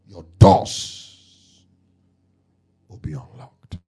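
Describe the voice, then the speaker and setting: During a church service, a Ghanaian-accented man from Ghana, a pastor who calls himself a prophet, prays over the congregation. He stretches out slow declarations that build until they burst into loud shouts.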